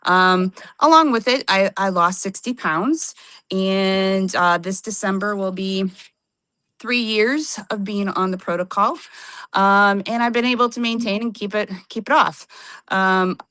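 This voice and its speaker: A woman in her fifties telling her personal story on a livestream call, earnest and halting, with many fillers. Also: mid-range voice, sharp tone, clean tone, dry recording. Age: 50s. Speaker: testimonial guest. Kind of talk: casual personal testimony on a livestream.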